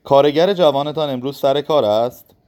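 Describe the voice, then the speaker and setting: A man's voice: mid-range voice, darkish tone, voice pushed up, close to an everyday voice. A man voicing a nervous older male professor with a trembling, pleading way of speaking, in a storybook reading. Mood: anxious pleading.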